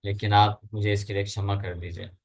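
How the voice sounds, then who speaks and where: A man with an Indian accent teaching a scripture class. He chants verses slowly and explains them plainly in two languages. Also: fairly low pitch, little pitch movement.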